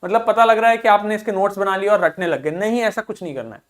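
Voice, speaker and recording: Teacher quizzing and repeating words slowly. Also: male voice, high-pitched. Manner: quizzes listeners and answers himself, repeating example words slowly. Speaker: English teacher. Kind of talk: explanatory video lesson.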